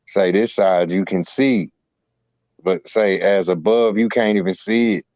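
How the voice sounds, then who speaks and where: A man's voice: sits low, fairly even intonation, measured pace, a little mellow, no room sound, muffled recording. A man, rambling and using lots of filler phrases in a casual spiritual talk. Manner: rambling, with many fillers and "you know what I'm saying". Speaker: co-host.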